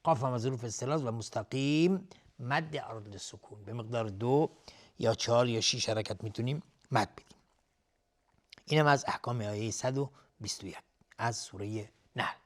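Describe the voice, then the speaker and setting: A middle-aged man teaching Quran recitation on television, explaining each rule step by step and reciting verses in a slow, drawn-out chant. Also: mid-range voice. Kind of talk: tajweed lesson for television.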